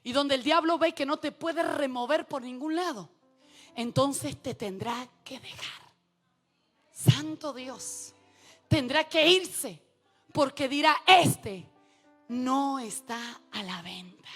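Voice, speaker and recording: A woman preacher delivering a sermon, calling out to her congregation and rising from hushed asides to shouted exhortations. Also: sits high, slow, long pauses, faint music behind. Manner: addresses the congregation directly, calls for responses.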